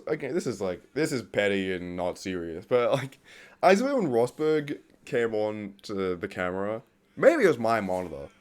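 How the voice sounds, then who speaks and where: Low-voiced man ranting profanely. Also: a little mellow. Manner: profane, exasperated ranting with frequent laughs; reads from his notes as he talks. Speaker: vlogger. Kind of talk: unscripted rant about a TV series.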